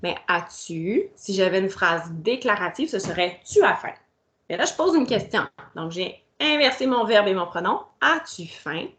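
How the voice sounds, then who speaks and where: A woman teaches a recorded grammar lesson for children. She talks straight to the pupil in a patient, step-by-step way. Her pitch sits in a middle range. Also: animated, moderate pace, few pauses, a bit bright. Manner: patient, explaining step by step, speaking directly to the pupil.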